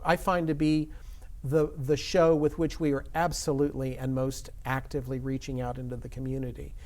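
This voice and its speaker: A man's voice: medium pitch, little pitch movement, moderate pace, a little mellow. A man speaking as an interview guest and theater educator, earnest and emphatic in conversational answers.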